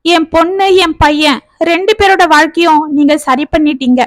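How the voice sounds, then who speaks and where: A woman's voice: sits high, moderate pace, no echo, studio quality, lightly acted. A woman voicing a middle-aged mother-in-law who speaks earnestly and thankfully. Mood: grateful.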